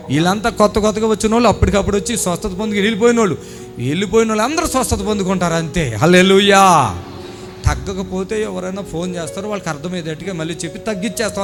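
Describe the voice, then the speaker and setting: A man preaching as pastor at a healing service, fervent and exhorting, questioning people on stage. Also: high voice.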